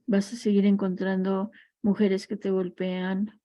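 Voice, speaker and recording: Slow, reflective woman teacher. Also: mid-range voice, level tone, warm tone, no echo. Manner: slow, reflective, tells parables and personal stories. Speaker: family constellations teacher. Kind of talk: recorded class lecture.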